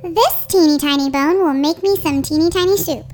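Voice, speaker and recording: A woman voicing a timid little woman in a storybook, with a squeaky, fussy way of talking. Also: moderate pace, a little mellow, a little hiss or hum, lightly acted. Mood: pleased. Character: timid little old woman, easily frightened. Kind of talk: storybook reading.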